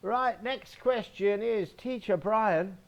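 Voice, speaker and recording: A man from England teaching a slow English lesson to young children, spelling words letter by letter, recorded outdoors in a home garden. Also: high voice.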